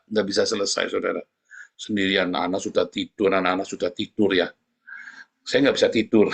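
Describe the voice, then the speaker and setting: A man preaching a sermon, animated and personal, often addressing listeners directly and acting out short quotes. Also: husky. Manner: animated, wide pitch swings, addresses listeners as "saudara"; acts out voices in short quotes. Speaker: pastor.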